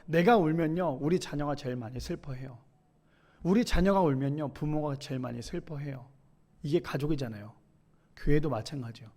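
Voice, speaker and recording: A man's voice: fairly high pitch, fairly quick, darkish tone. A male pastor preaching a sermon at a church service, reading scripture verses aloud and often asking the congregation questions. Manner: reads scripture verses aloud between remarks.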